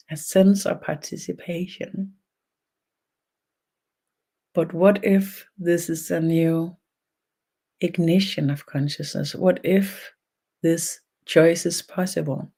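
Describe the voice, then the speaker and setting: Leading an online session, a Danish-accented spiritual energy healer guides a slow energy meditation mixed with channeled talk. The medium-pitched voice is mellow with a gravelly creak, coming haltingly in short phrases separated by long pauses.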